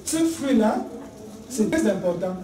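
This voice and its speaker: A preacher giving a sermon, addressing listeners as beloved and laying out points one by one, often dropping soft and quiet on key words. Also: medium pitch, sing-song, unhurried. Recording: echoey room, voice heard from a distance.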